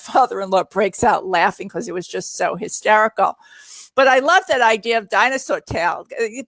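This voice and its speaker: Answering viewers' questions live, a middle-aged parent who knows the product well tells casual stories and tends to repeat herself. Her voice is medium-pitched, creaky, and a bit bright, and the recording is dry.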